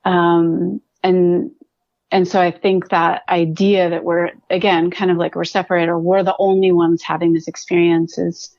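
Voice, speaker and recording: A woman's voice: on the low side, level tone, moderate pace, no room sound. A woman from California, a podcast guest, speaking reflectively and restarting her sentences. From California, USA. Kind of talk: casual conversational interview. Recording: dull, dry lo-fi sound.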